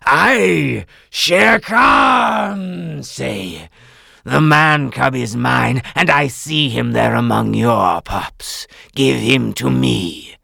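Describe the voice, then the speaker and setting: A man voicing a huge, angry male tiger who speaks slowly, loudly and with menace, in a storybook reading. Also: lowish voice, animated, creaky, slightly rough, no room sound, clean studio sound, exaggerated voice. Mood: menacing. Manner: slow, loud and looming.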